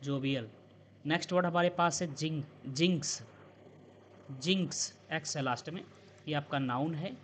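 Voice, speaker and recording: A man teaching English vocabulary, explaining words in Hindi and reading English example sentences slowly, often prompting with "है ना?". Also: fairly high pitch, a little hiss or hum. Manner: repetitive prompting questions with tag "है ना?". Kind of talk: bilingual vocabulary lesson.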